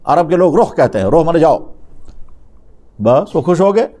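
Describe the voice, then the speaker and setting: A man's voice: a little high, animated, warm tone. A man preaching a storytelling sermon, retelling a story and acting out its dialogue with conversational restarts.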